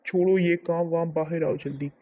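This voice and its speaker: Man reading a protective, impatient husband: brisk, plain, fairly high voice, dull lo-fi audio. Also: steady tone, close to an everyday voice. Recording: muffled lo-fi recording.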